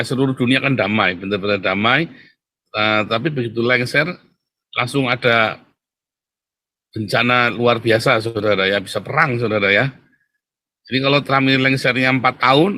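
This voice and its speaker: With a bright, forceful, medium-pitched voice, a host chats emphatically through a casual monologue. He keeps repeating "saudara ya" to his listeners and laughs at what he himself says.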